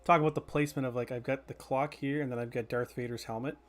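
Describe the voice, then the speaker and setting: A man's voice: medium pitch, steady tone, quick pace. A man chatting casually with his chat while streaming a game, joking and swearing freely. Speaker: gaming streamer. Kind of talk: casual live gameplay chatter.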